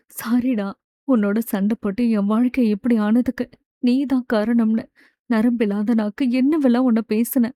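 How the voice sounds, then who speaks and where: A woman's voice: on the high side, dark tone, no echo, close to an everyday voice. A woman voicing an emotional young woman who pleads and apologises in an audiobook. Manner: pleading, tearful. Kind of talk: audiobook character voice.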